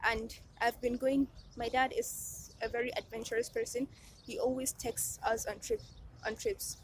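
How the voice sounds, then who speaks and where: Young woman vlogging, kinda high voice, rambly and chatty, faint noise behind. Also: fairly even intonation, moderate pace. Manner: chatty and rambling, many restarts and fillers. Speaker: travel vlogger. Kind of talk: casual vlog talk to camera.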